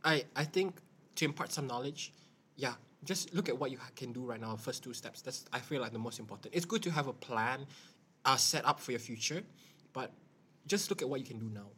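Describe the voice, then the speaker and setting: A young man chats casually on his podcast, talking fast and rambling with restarts. His voice sits at a middle pitch. Faint background noise hums under the headset mic. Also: expressive, sharp tone. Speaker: podcast host. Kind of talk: casual chat. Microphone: borrowed headset mic.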